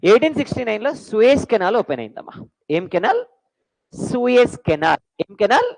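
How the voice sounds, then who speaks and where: A woman's voice: fairly high pitch, big pitch swings, very fast, darkish tone, rough recording. Lady teacher, lecture for exam prep, voice jumps up and down a lot, keeps firing questions at the class. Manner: quizzing students with call-and-response questions; mixes English phrases into Telugu.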